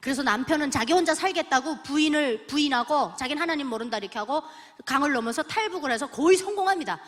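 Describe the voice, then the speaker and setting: A woman from North Korea giving an emotional, animated testimony sermon in a church. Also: high-pitched, fast, big-room sound. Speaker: guest speaker giving testimony.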